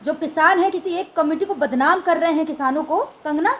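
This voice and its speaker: A woman's voice: very high voice, normal speed, fairly bright tone. A woman reporter interviewing a man, pressing him with challenging questions.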